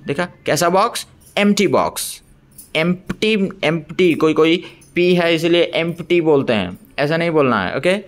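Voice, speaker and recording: A man's voice: a little high, a bit bright. A man teaching a bilingual lesson to young children, mixing into his talk. He repeats questions and keeps checking with "okay?".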